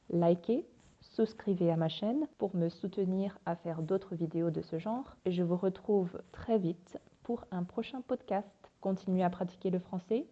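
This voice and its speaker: Calm, encouraging woman podcast host. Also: mid-range voice, lo-fi sound. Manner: calm, encouraging, addresses listeners directly. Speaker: podcast host and French teacher. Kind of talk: scripted advice monologue.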